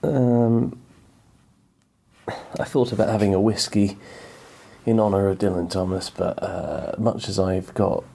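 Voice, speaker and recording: This middle-aged man's deep, mellow, creaky voice moves at a measured pace with fairly even intonation and frequent pauses, over slight background noise. He's hosting a podcast as a casual, rambling, self-deprecating chat from his small backyard pub, built in a garden outbuilding.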